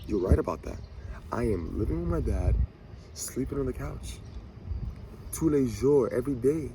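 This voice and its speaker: A man in his twenties giving an animated, preachy motivational monologue to camera, talking to himself and his viewers with swagger. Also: mid-range voice, moderate pace, noisy background. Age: 20s. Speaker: vlogger.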